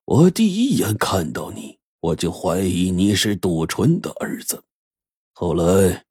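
A man voicing a scheming, gloating rich old boss in an audio story, speaking slowly and menacingly. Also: low-pitched, a little mellow, slightly rough, no room sound, clean studio sound, full character voice.

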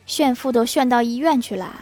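A woman's voice: a little high, a little fast, a little mellow, some chatter behind, a little hiss or hum. A woman hosting a comedy podcast, reading out jokes and chuckling at her own punchlines. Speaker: host.

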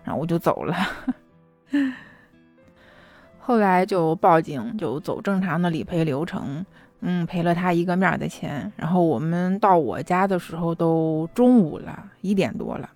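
A young adult woman casually telling a personal story in a chatty, lively way. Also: on the low side, normal speed, soft background music. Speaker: vlogger.

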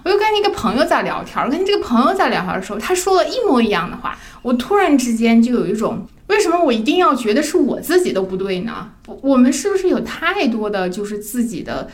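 A woman's voice pitched slightly higher than most, and she tells her stories in an animated way. She lets her voice rise when she acts out what others said to her, and she laughs through the telling. It sounds like a casual conversation. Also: fast talker, few pauses. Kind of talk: casual chat, personal storytelling.

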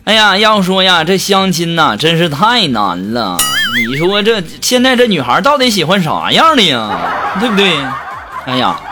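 A man hosting a comedy show, animated and laughing as he tells jokes. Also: sits high, moderate pace. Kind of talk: joke telling for a radio-style show. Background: music.

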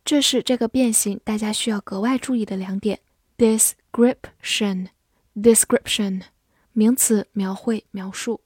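A young woman teaching English vocabulary, spelling out words letter by letter and reading example sentences slowly. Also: medium pitch, a little mellow, breathy edge, no echo, clean studio sound. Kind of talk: scripted vocabulary lesson.

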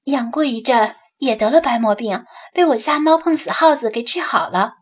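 A wistful young woman reporter from a storybook, speaking softly and ruefully, as a woman narrator puts her on. Her voice sits a touch high and comes out breathy. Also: expressive, moderate pace.

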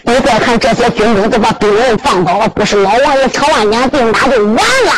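A woman with a Henan accent performing traditional zhuizi storytelling in an animated, rhythmic, exclaiming manner. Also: fairly high pitch, brisk, rough recording.

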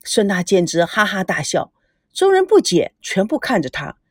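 A woman reading a serialized novel aloud as storyteller, with expressive, dramatic narration. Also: medium pitch, moderate pace, breathy edge, no echo, studio quality.

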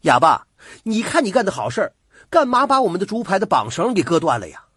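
A man voicing angry young village men who scold sharply and fast. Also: sits high, sing-song, fairly bright tone, slightly rough, no echo, clean studio sound, pitched above the performer's own voice, heavily acted. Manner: hot-tempered scolding.

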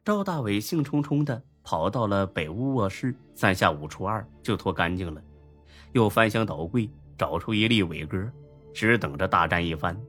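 A man narrating an urban novel as an audiobook, telling it in a lively, wry storytelling manner. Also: on the low side, moderate pace. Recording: faint background music.

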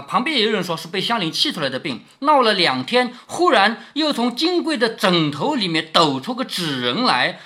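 Dad reading an old novel to his kid and explaining it, lively bright voice, keeps asking right?. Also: high voice. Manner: explains, often asks "right?"; chatty, explanatory. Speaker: father reading a classic novel to his daughter. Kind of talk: storytelling with commentary.

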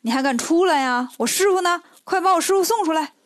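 Lady doing a cheeky hot-headed monkey king, high and snappy, storybook hero. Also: expressive, fairly quick. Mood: brash. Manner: cheeky, impatient.

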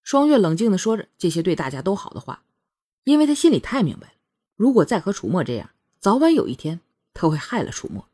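A woman narrating a romance novel chapter in an expressive storytelling manner. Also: lowish voice, fast. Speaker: audiobook narrator. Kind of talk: scripted narration.

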